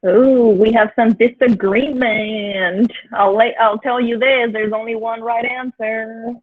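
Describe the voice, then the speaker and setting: A woman from Mexico, Mexican accent, runs an online workshop for teachers in a chatty, encouraging manner packed with filler sounds. She speaks slowly in a slightly high voice with a steady tone, over tinny, dry video-call audio.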